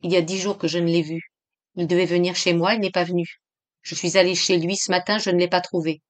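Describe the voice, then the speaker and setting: A woman reading aloud voices a tense, withdrawn young woman in a flat, toneless, low delivery. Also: fast, close to an everyday voice. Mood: grim.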